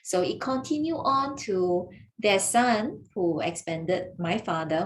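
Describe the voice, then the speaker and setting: A Malaysian gemologist hosts a casual webinar over a video call, chatty and teasing and laughing often. Her voice is lowish, with slight background noise.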